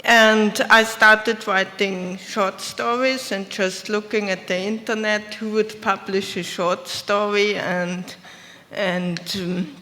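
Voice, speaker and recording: Panelist: woman, bright voice, hesitant storytelling, reverberant hall. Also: medium pitch, flat delivery, slow. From Austria. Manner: hesitant, self-correcting storytelling. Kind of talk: convention panel talk. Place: convention panel room. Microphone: shared handheld mic.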